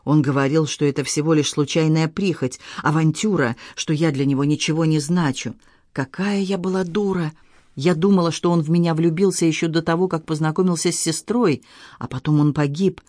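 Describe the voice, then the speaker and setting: A man's voice: a little high, fairly even intonation, fairly quick, darkish tone, dry recording, studio quality, close to an everyday voice. A man voicing a tearful, guilt-ridden young woman confessing in an audiobook. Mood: bitter. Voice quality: pleading, sobbing delivery.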